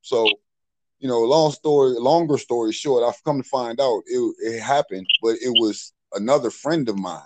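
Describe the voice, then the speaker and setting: A man's voice: mid-range voice, normal speed, noisy background. A middle-aged man telling street stories in a casual, profane way, full of "you know what I'm saying.". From Maryland, USA. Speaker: podcast storyteller.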